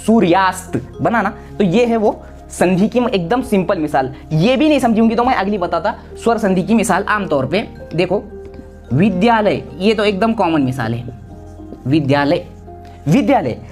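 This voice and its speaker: A man's voice: high voice, moderate pace, faint music behind. A man from Maharashtra, a teacher giving a casual exam-prep lesson, explaining with many repeats and restarts. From Maharashtra, India.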